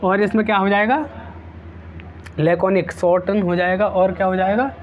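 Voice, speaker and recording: A man's voice: sits high, fairly even intonation, normal speed, phone-quality sound, slight background noise. A man teaching an exam-prep vocabulary lesson, repeating each word several times and using playful memory tricks.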